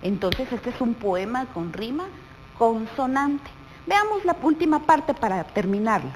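A woman teacher with a Guatemalan Spanish accent, explaining a lesson to young pupils slowly and patiently, often asking them questions. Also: fairly high pitch, expressive, slight background noise, low-quality recording. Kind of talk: televised primary school lesson.

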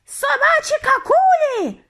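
A woman voicing a tall, shrill female witch in a storybook reading, shrieking and drawn-out. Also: big pitch swings, mellow, heavily acted. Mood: shrill alarm.

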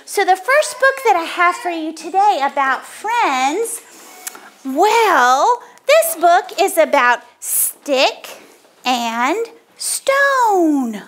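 A woman's voice: very high-pitched, big pitch swings, very slow, a bit bright. A middle-aged woman leading storytime, talking to toddlers in an encouraging, sing-song way. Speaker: children's library storytime leader. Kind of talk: leading songs and talk for young children. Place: indoor library children's room with windows.

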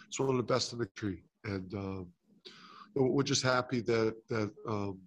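A man's voice: on the low side, moderate pace, highs cut off. A middle-aged man, a head basketball coach, answering questions at a postgame press conference with many fillers and restarts. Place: press conference room with sponsor backdrop. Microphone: table mic close in front.

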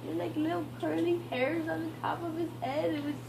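A woman's voice: very high-pitched, steady tone, fairly quick, creaky. A young woman, groggy and loopy from anesthesia, rambling in an earnest, boastful, childlike way in casual chat. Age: young adult. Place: hospital recovery room. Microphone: handheld phone a few steps away. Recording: noisy room, phone camera.

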